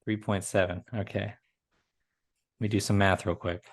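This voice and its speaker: A man co-hosting a movie podcast in casual chat, playful and joking, quick to laugh. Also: fairly low pitch, level tone. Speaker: podcast co-host.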